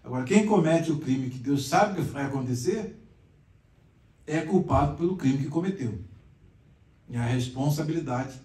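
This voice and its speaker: Brazilian pastor-teacher, chatty explainer, mellow tone, distant mic in echoey classroom. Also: male voice, fairly high pitch, lively intonation, normal speed, pauses often. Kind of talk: conversational Bible class teaching. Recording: echoey room, mic far off.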